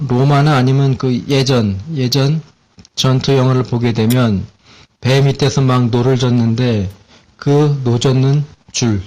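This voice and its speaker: A Korean-accented man with a mid-range voice explains English vocabulary in a relaxed, casual lesson. He uses many fillers and often repeats words.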